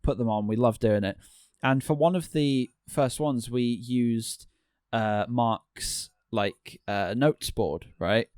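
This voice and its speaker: A man's voice: mid-range voice, takes it slowly, darkish tone, smooth, dry recording, clean studio sound. A man, a podcast guest, talking in casual chat with many restarts and fillers.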